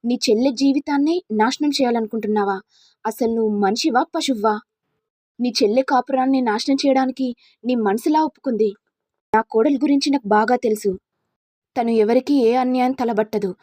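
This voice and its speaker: A woman voicing a furious, vengeful middle-aged mother-in-law who shouts accusations. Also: on the high side, normal speed, dry recording, clean studio sound, close to an everyday voice.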